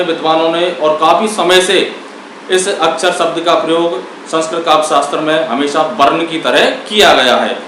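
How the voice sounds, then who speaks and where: A man teaching a grammar lesson, asking questions and answering them himself, repeating key words and sounding out syllables slowly. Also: a little high, a bit bright, heavy reverb, recorded from a distance, a little hiss or hum, low-quality recording. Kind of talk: classroom lesson.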